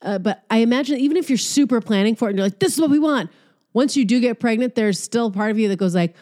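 A young adult woman chatting casually as a vlogger, telling a story in an animated, profane way and acting out quotes. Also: fairly high pitch, fast. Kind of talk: casual chat.

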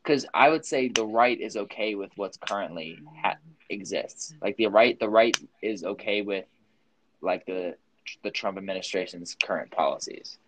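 A man's voice: fairly low pitch, moderate pace, fairly bright tone. A young man chatting casually with a friend, rambling and restarting his sentences, laughing easily. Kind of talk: casual chat.

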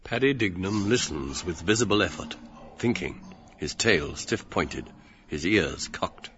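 A man with a very low, deep voice reads a novel aloud in a measured, dramatic way. The recording is dull and lo-fi, with a faint hiss of noise under it. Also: lively intonation, fairly bright tone. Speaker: narrator. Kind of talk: audiobook reading of a novel.

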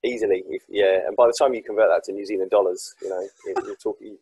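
A man chats as a podcast guest, his speech rushing along at a brisk clip. His voice is deeply husky and sits a little low. The sound is close and dry, and he tells his stories with animated self-deprecation. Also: no echo, poor audio. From South East England. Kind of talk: casual podcast chat.

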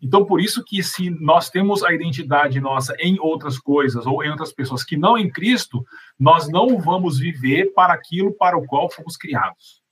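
A man's voice: on the high side, normal speed, fairly bright tone, breathy edge, low-quality recording. A man with a Brazilian accent explaining matters of faith as a panelist, in a conversational teaching style with everyday examples. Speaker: panelist answering questions on faith.

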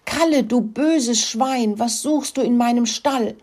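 A woman playing a shrill, furious hen. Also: measured pace, a little mellow. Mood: outraged. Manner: shrill, scolding, clucking wildly. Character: furious mother hen defending her nest.

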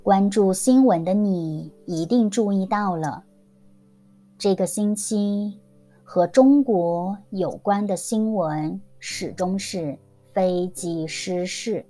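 A woman teacher narrating a scripted story for language learners, enunciating every word very carefully and deliberately. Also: mid-range voice, dark tone, soft background music. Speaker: Mandarin teacher.

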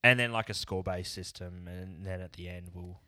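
A man's voice: sits low, fairly even intonation, a little fast, sharp tone, no echo, studio quality. A man co-hosting a podcast, rambling in casual chat and throwing in jokey bits. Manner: rambling, jokey, tries silly accents. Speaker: podcast co-host.

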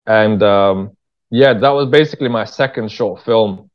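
Here a British writer-director from England, on the low side in pitch and unhurried, spins casual conversational stories as an interview guest. He is candid and uses plenty of slang. Audio quality is dull and lo-fi.

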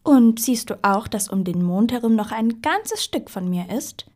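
A woman voicing a proud, boastful female puddle in a storybook reading, with a shrill, self-important voice. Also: lively intonation, measured pace, darkish tone.

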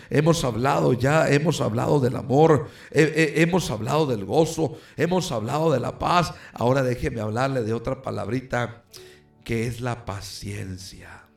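A man's voice: mid-range voice, normal speed, gravelly, faint music behind. A man preaching a sermon fervently, with call-and-response asides to his congregation. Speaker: pastor.

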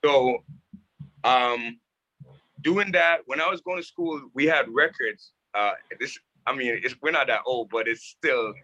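A man from Jamaica, a music producer, tells his stories in a lively way. His voice is bright and forceful at a middle pitch. He is speaking from a rehearsal building. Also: measured pace, muffled recording. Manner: animated storytelling. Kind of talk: casual conversation.

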